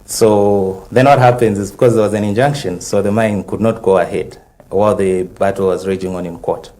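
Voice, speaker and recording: A man with a Zambian English accent, speaking as legal counsel on a TV panel and methodically recounting a timeline with many pauses and fillers. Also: lowish voice, steady tone, dark tone. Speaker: legal counsel for a conservation group. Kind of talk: studio TV panel discussion.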